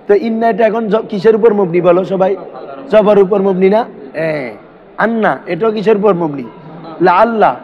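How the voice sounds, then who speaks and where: Male teacher, high-pitched, drills students with questions in a lesson; muffled low-fi recording. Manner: quizzing students with constant questions. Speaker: madrasa teacher. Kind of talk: classroom grammar lesson. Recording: dull lo-fi recording.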